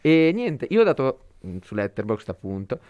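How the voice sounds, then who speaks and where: A man's voice: mid-range voice, very animated, moderate pace, darkish tone, no room sound, highs cut off. A man co-hosting a podcast, chatting casually about films and making joking asides to the listeners. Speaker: podcast co-host. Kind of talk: casual film chat.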